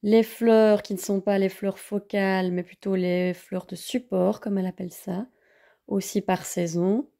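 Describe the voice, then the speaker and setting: A woman's voice: medium pitch, fairly even intonation, unhurried, vocal fry, warm tone. A woman vlogger casually reviewing books, hesitant with many fillers.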